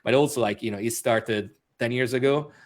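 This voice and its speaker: A man's voice: medium pitch, a little fast. A man speaking as an interview guest, talking casually with many restarts and fillers and laughing often. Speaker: interview guest, author and musician.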